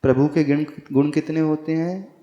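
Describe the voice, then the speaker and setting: A man, a monk, teaching the pronunciation of a devotional hymn to a gathering, spelling out sounds slowly and asking his listeners whether they have understood. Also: on the high side, fairly even intonation, dull audio. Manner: slow, deliberate, spells out pronunciation and quizzes the audience. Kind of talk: devotional recitation lesson. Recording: echoey hall with long reverb.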